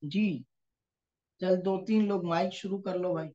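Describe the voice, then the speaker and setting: A man's voice: high voice, unhurried, warm tone. Man teaching an online grammar class. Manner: explains patiently, often checks in with the students. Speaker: Quranic Arabic teacher. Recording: dull lo-fi online class audio.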